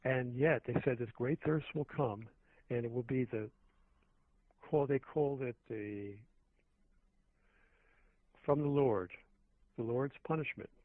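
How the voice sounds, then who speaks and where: A man's voice: mid-range voice, takes it slowly, long pauses, no echo. A man calling in as a radio show guest, rambling on and on with plenty of fillers and restarts. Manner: meandering, with many fillers and restarts. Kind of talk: rambling phone-in conversation. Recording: tinny phone line.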